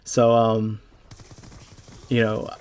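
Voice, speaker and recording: A man's voice: fairly low pitch, monotone, a little mellow, smooth. Rambling young man, gaming voice-over. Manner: halting, rambling, heavy with fillers; casual and profane. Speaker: gaming YouTuber and clan leader. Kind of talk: casual voice-over commentary on gameplay.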